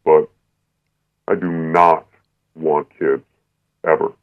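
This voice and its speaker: A man's voice pushed extremely low by a voice changer, so it sounds disguised and deep. It reaches us over a thin, tinny phone line. He is a caller in his thirties who speaks bluntly and unapologetically, often halting mid-sentence. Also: level tone. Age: 30s. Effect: voice changer making it disguised and deep. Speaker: anonymous caller. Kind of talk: call-in radio conversation.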